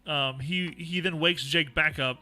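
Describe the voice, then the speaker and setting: A man's voice: a little high, unhurried, sharp tone, faint music behind. A man hosting a casual livestream book club, summarizing chapters in a rambling way with many fillers.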